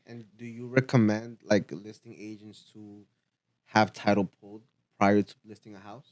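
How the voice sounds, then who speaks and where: A man's voice: lowish voice, little pitch movement, moderate pace, a little mellow, no echo. A man from Ecuador hosting a casual podcast, asking loose questions packed with "like". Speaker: podcast host.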